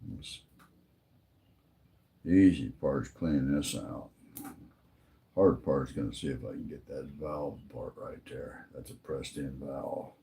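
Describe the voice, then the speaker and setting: A man's voice: extremely low pitch, mellow. A man hosting a live stream, talking plainly and half to himself while he repairs a lighter. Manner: slow, plain-spoken, muttering to himself as he works. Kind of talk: casual live-stream commentary while working.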